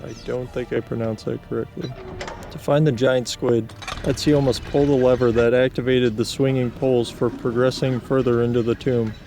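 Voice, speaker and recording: A man reading scripted video game narration in a deadpan manner, with casual asides. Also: mid-range voice, normal speed, soft background music.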